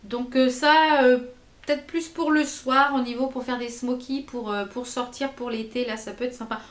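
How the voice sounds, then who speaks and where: A woman's voice: a little high, steady tone, moderate pace, reverberant. A woman vlogger casually reviewing makeup, chatty and enthusiastic, often hesitating and repeating herself. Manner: hesitant, many fillers and repeats; chatty, enthusiastic about products. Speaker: beauty vlogger.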